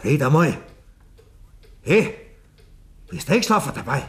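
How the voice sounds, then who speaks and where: In a 1950s dialect radio play, an actor with a fairly high, very animated, slightly slow voice plays a guilty, bullying village man with a Bavarian accent. He badgers someone with taunting questions, his tone needling and mocking.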